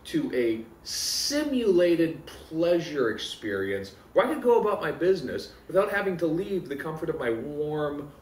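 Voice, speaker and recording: A man's voice: fairly high pitch, big pitch swings, normal speed, hardly any pauses, distant mic. A man co-hosting a comedy show, improvising banter in a wordy, mock-serious way. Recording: echoey room, off mic, faint noise.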